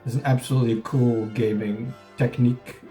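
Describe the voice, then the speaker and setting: A sick, sniffling man who streams gaming reactions chats casually about video game announcements, rambling and offhand with occasional wry remarks. His voice is mid-range and warm, with little pitch movement and a normal pace. Faint trailer music plays behind him.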